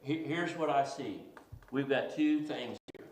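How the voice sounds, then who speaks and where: A man's voice: mid-range voice, a little slow. A man at a city committee meeting, laying out his points plainly and in order. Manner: direct, lays out points in order. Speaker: committee member. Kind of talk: public meeting discussion. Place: council meeting room. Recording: echoey room with faint noise.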